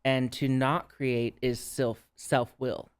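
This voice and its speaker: Male podcast guest, smooth resonant voice, thoughtful and unhurried. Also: medium pitch, flat delivery. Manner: reflective, measured, with pauses and restarts. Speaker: guest, drag performer and counselor. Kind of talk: casual podcast chat.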